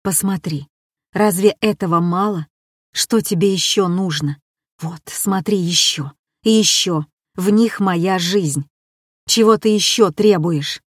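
A woman reading an audiobook and voicing a desperate male artist who pleads with his lover, dropping her voice lower. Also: slow, no echo, studio quality.

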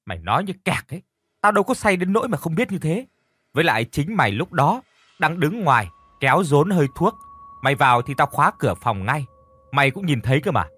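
A man voicing a blunt, quick-tempered young male student who stammers and talks forcefully. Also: mid-range voice, lively intonation. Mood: irritated.

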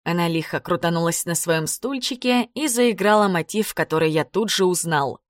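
Low-voiced woman reading a story. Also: moderate pace, no echo, studio quality. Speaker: audiobook reader. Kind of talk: scripted narration.

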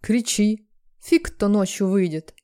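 A woman's voice: medium pitch, slow pace, mellow, clear, resonant tone, close to an everyday voice. A woman voicing a bossy, growling young suitor. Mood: menacing. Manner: growling commands, then sudden coaxing tenderness. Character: pushy, domineering young man, a suitor.

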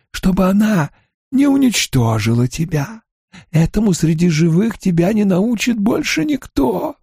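A man playing a cruel dark lord in an audiobook, commanding and menacing, drawing out his words to tempt his prey. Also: on the high side, creaky, slightly rough, no room sound, clean studio sound, pitched above the performer's own voice, heavily acted. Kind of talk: dramatic audiobook character voice.

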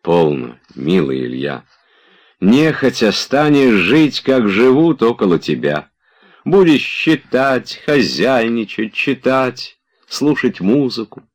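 Man playing energetic friend, persuasive and insistent, somewhat higher. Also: slow, full character voice. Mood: persuading. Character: warm, energetic friend, firm and cheerful.

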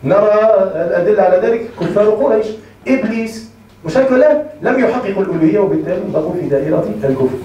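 A man's voice: high-pitched, dark tone, highs cut off, a little hiss or hum. A man with a Tunisian Arabic accent teaching a class on Islamic creed. He keeps stopping to check that his students have understood. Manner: checks understanding often with rhetorical questions. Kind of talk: classroom lecture. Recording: echoey room, mic far off.

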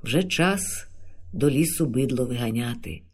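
A man voicing an older village man who talks in a calm, easygoing, folksy way. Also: mid-range voice, unhurried, husky, voice pushed down.

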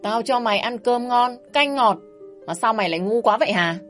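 Shrill scolding mother, read by a woman. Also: expressive, brisk, soft background music, lightly acted. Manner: loud, nagging, coarse. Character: shrill scolding middle-aged mother, bossy.

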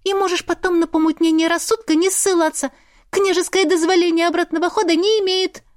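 A high, loud, whiny teenage girl, voiced by a woman narrator in a storybook reading. She is sulky and bossy with her older sister. Her complaints come out bright and insistent. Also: level tone, brisk, dry recording, clean studio sound.

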